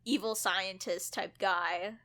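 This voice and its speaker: A woman's voice: mid-range voice, steady tone, slow pace, bright, forceful tone. A woman co-hosting a podcast in casual chat, reacting expressively and laughing often. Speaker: podcast co-host.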